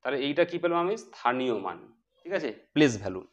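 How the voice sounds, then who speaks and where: A man's voice: mid-range voice, sing-song, fast talker, muffled recording. Man teaching math, quizzing the class. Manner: asks the class questions then answers them himself. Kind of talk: explaining math to students.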